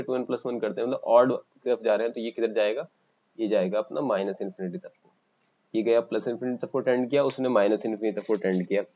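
A man with an Indian accent teaching a math lesson for exam coaching, explaining step by step and pausing as he writes. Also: mid-range voice, dark tone, muffled recording. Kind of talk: online exam-coaching lecture.

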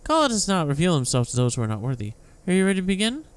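Man putting on an imperious genie, pitch lifting. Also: huge pitch swings, racing, smooth. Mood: imperious, taunting. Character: imperious genie riddle keeper, scornful and theatrical.

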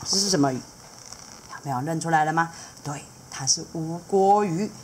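A woman teacher reading a picture book aloud to children, animated and asking them questions along the way. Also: low voice, normal speed, slight background noise. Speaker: children's art teacher, storyteller.

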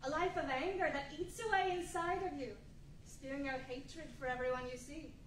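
Woman as high, gentle Spirit of Christmas Past. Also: fairly even intonation, slight background noise, close to an everyday voice. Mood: gently urging. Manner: measured, solemn, earnest. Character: gentle, earnest young female spirit of the past. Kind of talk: 1940s musical radio play acting. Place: large indoor meeting room, live stage reading. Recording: echoey room, distant mic.

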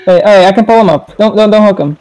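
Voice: mid-range voice, quick pace, warm tone, poor audio. A player chatting casually during a group game, playful, laughing and blurting out reactions. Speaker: gamer. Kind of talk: casual multiplayer game chat.

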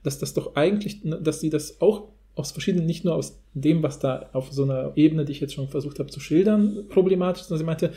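A podcast host with a fairly high, mellow voice talks a little fast with hardly any pauses. His casual discussion is rambling and informal.

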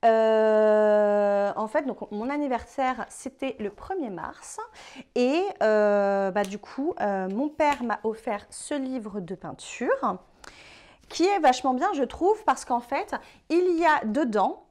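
A young woman from France chatting casually through her painting vlog, relaxed and full of little fillers. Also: fairly high pitch, slow. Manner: chatty, relaxed, many fillers like "euh" and "bah". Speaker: painting vlogger.

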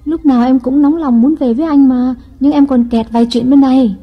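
A woman voicing a calculating young wife in an audiobook, speaking in a coaxing, deliberate way. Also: high-pitched, fairly even intonation, slightly rough. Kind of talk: audiobook reading. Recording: dull lo-fi audio with faint music.

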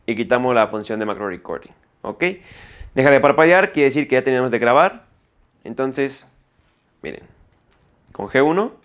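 A man reviewing a gaming keyboard in a hands-on tutorial, explaining step by step and often checking in with "ok?" after each point. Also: mid-range voice. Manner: self-correcting mid-sentence. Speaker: tech reviewer.

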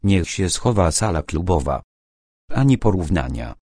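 Audiobook: man voicing a bossy, chatty young woman, brisk and insistent, deep and slow. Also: big pitch swings, darkish tone, husky, dry recording, studio quality, exaggerated voice. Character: bossy, lively young woman, a busy friend.

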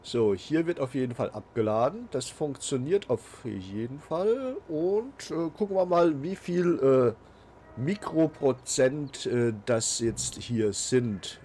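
Hosting a casual let's play while he has a cold, a man talks along in game commentary full of fillers and restarts. His medium-pitched voice is expressive, slow, and dark in tone, with a little hiss or hum in the recording.

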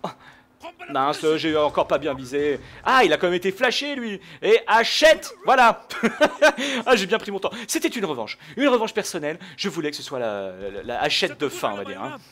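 A man giving live, jokey gameplay commentary, shouting out his kills. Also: on the high side, big pitch swings, moderate pace. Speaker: gaming video host.

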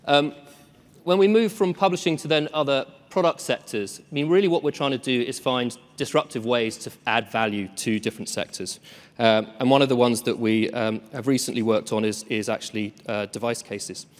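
A man's voice: mid-range voice, moderate pace. Man demoing on a conference stage. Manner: relaxed, self-deprecating, frequent ums. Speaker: tech presenter. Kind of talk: live conference demo. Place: large conference hall. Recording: long reverb of a large hall.

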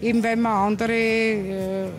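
A woman's voice: a little high, flat delivery, measured pace. An older woman with an Austrian accent giving hesitant vox-pop answers into a reporter's microphone outdoors. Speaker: market visitor. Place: outdoor market seating. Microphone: handheld reporter microphone. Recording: music behind outdoor interview.

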